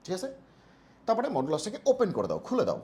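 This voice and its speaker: A man tutoring math for an exam, fast and playful, using jokey homely analogies. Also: high-pitched, wildly swooping pitch, darkish tone. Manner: talks fast on purpose. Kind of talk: exam-prep math lesson.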